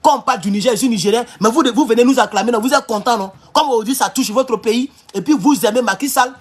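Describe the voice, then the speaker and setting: His voice is extremely high and slightly rough, and he talks fast. Hosting a livestream, the man rallies his viewers with a fiery, impassioned speech, returning to the same calls repeatedly.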